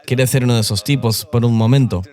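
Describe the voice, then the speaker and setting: A man's voice: mid-range voice, steady tone, quick pace, darkish tone. A middle-aged man, a pastor, telling his personal testimony in an earnest, confessional way during an interview.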